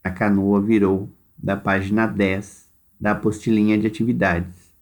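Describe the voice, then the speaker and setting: A Brazilian man with a fairly low voice gives a recorded lesson to young pupils. He talks very slowly and deliberately, dictating tasks and drawing words out syllable by syllable. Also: flat delivery. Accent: Brazilian Portuguese. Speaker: primary school teacher. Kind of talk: recorded remote class instructions.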